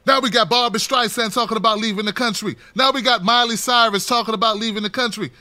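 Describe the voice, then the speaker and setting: A man giving an unscripted political commentary, talking straight to the camera, impassioned and preachy, building to near-shouts. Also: extremely high pitch, fast talker, no echo.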